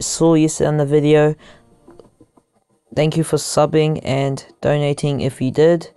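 Young guy doing casual roblox-style gaming commentary on headphones as a mic, slow and halting, clear smooth voice. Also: on the high side, a little mellow, dry recording. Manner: halting, thinking aloud while typing. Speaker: gaming YouTuber. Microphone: headphones used as mic.

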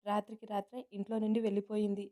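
A woman's voice: mid-range voice, completely flat delivery, quick pace, dark tone, close to an everyday voice. A woman narrator voicing a furious, scheming middle-aged mother who speaks harshly and makes threats. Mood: angry.

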